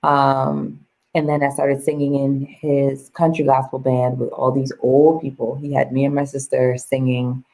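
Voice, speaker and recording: A young woman chatting as an interview guest, animated, laughing and acting out quoted voices. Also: rumbling low, a little slow, rough recording. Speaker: guest, vocal coach. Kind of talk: casual interview chat.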